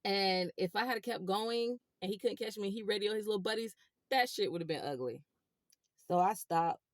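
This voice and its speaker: A woman telling a rideshare story to her viewers in a casual, animated way. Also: medium pitch, normal speed, no echo, studio quality. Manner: animated, chatty, addresses viewers as y'all. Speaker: rideshare driver vlogger.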